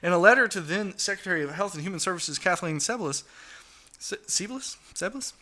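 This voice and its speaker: A man with a high, very bright and cutting voice runs a political talk show. He reads news items aloud, then breaks off into sarcastic, indignant rants laced with swearing. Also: animated, fast talker. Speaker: podcast host. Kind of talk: ranting political commentary.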